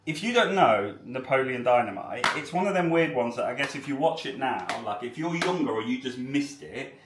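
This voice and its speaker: A man's voice: mid-range voice, animated, normal speed, noisy background. Male vlogger, mid-range voice, casual and enthusiastic, recorded at a distance in an echoey room. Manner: enthusiastic, rambling, lots of "like". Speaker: vlogger and tattoo shop owner. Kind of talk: casual vlog chat. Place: at home.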